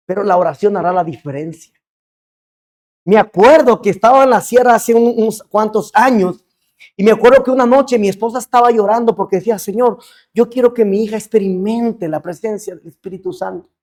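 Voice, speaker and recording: A male pastor delivering a sermon, swinging between loud, impassioned exhortation and hushed, intimate storytelling. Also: high-pitched. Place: church.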